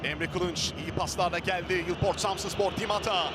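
Screaming high-pitched male football commentator. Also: moderate pace. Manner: excitable, screaming out goals and names. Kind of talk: live football play-by-play commentary. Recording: loud stadium crowd noise behind voice. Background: roaring football crowd.

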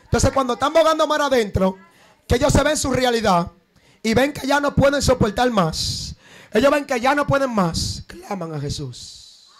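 High-voiced Dominican preacher shouting fervently. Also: male voice, normal speed. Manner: impassioned preaching, swinging between shouts and low murmurs; breaks into tongues. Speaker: evangelist preacher. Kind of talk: fiery Pentecostal sermon. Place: church service at night.

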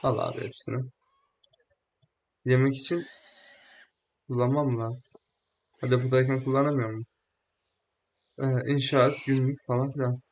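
A young man giving casual, joking let's-play commentary, excitable and slangy, often talking back to the game. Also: medium pitch, normal speed, pauses often. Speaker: gaming YouTuber.

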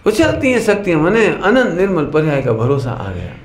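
Guy preaching, fairly high voice, lots of questions to the crowd, echoey hall, some hiss. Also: normal speed. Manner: lively, questioning, sometimes sings verse lines. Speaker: religious teacher. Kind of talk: sermon.

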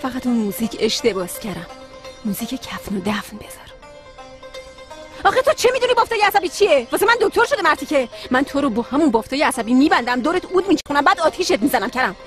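A woman dubbing a hot-tempered, sharp-tongued young woman in a TV comedy drama, irritable and snappy. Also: high voice, big pitch swings, soft background music. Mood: angry.

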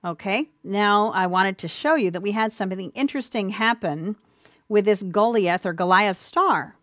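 A woman giving an earnest, sermon-style Bible teaching, speaking warmly to listeners as dear ones, with a few ums and restarts. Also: medium pitch, lively intonation, moderate pace, no room sound, studio quality. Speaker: presenter of a church teaching.

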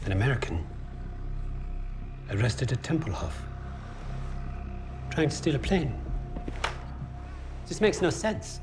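An actor in his thirties playing a coldly polite, menacing Nazi interrogator in a video game, speaking softly and deliberately. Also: medium pitch, big pitch swings, background noise. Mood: brisk, agitated. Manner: soft-spoken, deliberate, menacing. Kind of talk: dramatic video game acting. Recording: loud music behind the voice.

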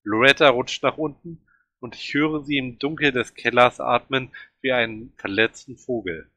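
Ein Mann liest einen Roman dramatisch und angespannt vor. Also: male voice, medium pitch, fairly even intonation, normal speed, sharp tone, dry recording, lo-fi sound. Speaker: reader. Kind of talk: reading a novel aloud.

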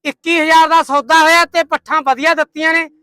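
Loud, high-pitched hearty Punjabi man bantering. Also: level tone, brisk, no room sound. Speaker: livestock trader hosting market videos. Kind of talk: loud market bargaining banter. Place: open livestock market.

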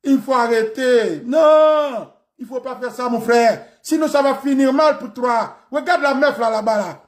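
A brash young man with an Ivorian French accent, put on by a male comedian, speaks loud and swaggering in a raised, high-pitched voice. His talk is bold and in your face. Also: unhurried. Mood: confrontational.

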